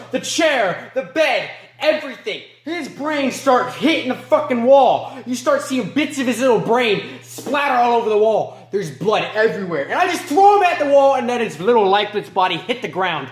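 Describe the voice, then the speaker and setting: A man playing a remorseless male killer in an amateur film monologue, moving between low mutters and sharp outbursts. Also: reverberant. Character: remorseless male killer recounting his crimes.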